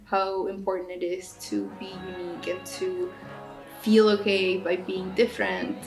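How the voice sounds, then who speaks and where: A young woman from Chile talks in an earnest, reflective way, now and then searching for the right word. Her voice rings in a roomy, echoing space while guitar music plays clearly underneath. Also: medium pitch, measured pace. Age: 20s. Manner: earnest, thoughtful, searching for words. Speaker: student interviewee. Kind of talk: personal reflective talk. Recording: echoey room with guitar music.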